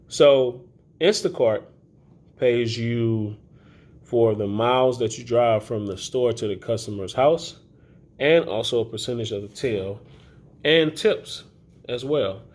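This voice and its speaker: A man's voice: mid-range voice, darkish tone. A man talking casually to camera in a loose, chatty, rambling way with many fillers, recorded as a phone video. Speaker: grocery delivery shopper vlogger. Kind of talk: casual vlog talk to camera.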